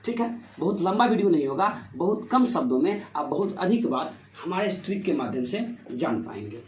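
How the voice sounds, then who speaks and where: A man explains grammar rules for exam students in a lesson, his voice sitting high for a man. He keeps posing rhetorical questions and answering them himself. The room adds a clear echo, with a faint hiss underneath. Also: very animated, a little fast. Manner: repetitive rhetorical questions, "ठीक है" fillers. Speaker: Hindi grammar teacher. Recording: echoey room with faint noise.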